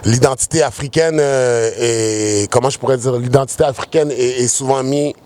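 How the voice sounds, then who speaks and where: A man in his forties, a rapper being interviewed outdoors on a city street. He talks in a relaxed, rambling way, often repeating himself and dropping bits of English slang. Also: mid-range voice, moderate pace. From United States, raised in Quebec. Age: 40s. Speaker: rapper guest.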